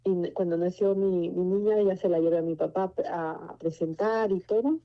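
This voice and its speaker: A woman's voice: fairly low pitch, fairly even intonation, normal speed. A Mexican woman in her forties giving a personal faith testimony, telling her story in an earnest, meandering way. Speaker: testimony speaker. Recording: muffled lo-fi recording.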